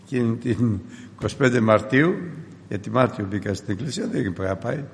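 An older man giving an animated testimony sermon, speaking straight to his congregation in a church hall. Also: mid-range voice, creaky, slight background noise. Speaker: preacher.

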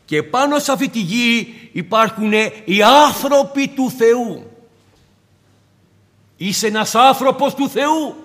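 Fervent high-voiced male preacher in a hall. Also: fairly bright tone. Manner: fervent preaching, dramatizes quoted dialogue. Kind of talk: sermon. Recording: long hall reverb.

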